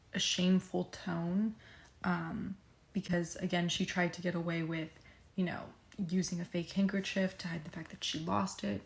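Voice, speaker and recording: Flat, gravelly young woman in an echoey room. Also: fairly low pitch. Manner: casual, many fillers, flat delivery. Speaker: student co-director. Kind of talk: casual project explanation.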